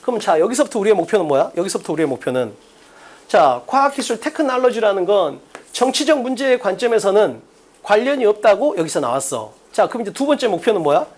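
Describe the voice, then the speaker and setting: Male exam-prep lecturer, lively up-and-down pitch, rhetorical questions, drilling delivery. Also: fast.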